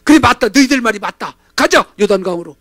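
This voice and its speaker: Brief: man doing a proud general in a sermon retelling, barks high sharp yells, big swings in his voice. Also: lively intonation, fast talker, no echo, clean studio sound, full character voice. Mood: realizing, resolved. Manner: indignant shouting, bursts out in high yells. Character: proud angry foreign army general, middle-aged man.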